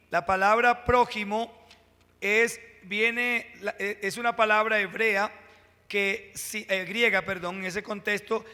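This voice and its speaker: Male pastor, high bright tone, emphatic sermon delivery in a reverberant church. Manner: preaching with dramatic pauses, rising emphasis and asides to the congregation. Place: church sanctuary. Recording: long hall reverb from a church.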